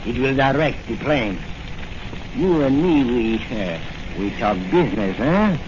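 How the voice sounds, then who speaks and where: Male actor as menacing, wheedling foreign-accented saboteur captain for a vintage radio adventure; broken English, mid-pitched, heavy background noise. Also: lively intonation, a little slow, lightly acted. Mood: smooth, bargaining. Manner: stilted, broken English phrasing. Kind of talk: 1940s radio acting. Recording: noisy, muffled vintage radio recording.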